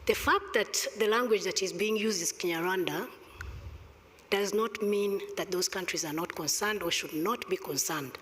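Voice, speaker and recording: The reverberant sound of a large conference hall surrounds a middle-aged Rwandan-accented panelist speaking on stage into a gooseneck table mic. With a mid-range, fairly bright voice, she builds an emphatic, deliberate argument punctuated by pointed rhetorical questions.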